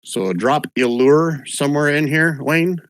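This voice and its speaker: A man's voice: a little high, a little slow, a bit bright, no echo. A man acting as game master, casually narrating and running a tabletop game.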